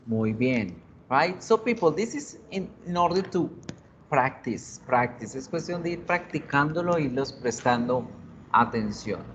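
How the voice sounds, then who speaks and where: A man's voice: mid-range voice, lively intonation, unhurried, fairly bright tone. A man teaching a video English class, patiently repeating words for students to drill. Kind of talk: bilingual video class lesson. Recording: dull lo-fi recording with faint noise.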